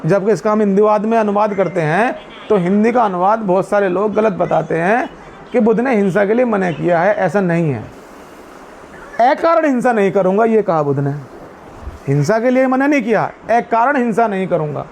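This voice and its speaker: High-voiced man explaining to a gathering. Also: lively intonation, creaky, a little mellow, a little hiss or hum. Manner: asks the audience questions and answers them himself; chants Pali verses slowly. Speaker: Buddhist speaker at a community meeting. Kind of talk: explanatory talk to a seated group.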